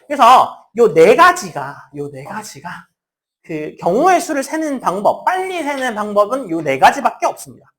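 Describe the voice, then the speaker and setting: A woman's voice: mid-range voice, moderate pace. A woman teaching a math class, explaining with everyday examples and casually acting out what students say. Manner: lively, talks to students in casual speech, acts out student lines. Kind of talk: classroom lecture.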